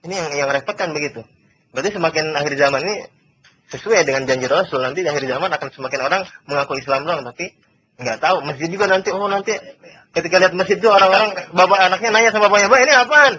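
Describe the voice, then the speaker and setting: Guy teaching islamic class, high voice, chatty with lots of questions, muffled old recording. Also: racing, bright, forceful tone. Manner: conversational, rhetorical questions and tag questions. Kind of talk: informal religious lecture, reading and explaining a classical Arabic text. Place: religious study gathering.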